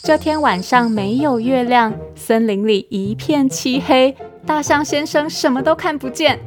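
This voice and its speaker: A woman host reading a picture book aloud to children, in a gentle, coaxing manner. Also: high-pitched, measured pace, music in the background. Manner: gentle, coaxing, addressing kids.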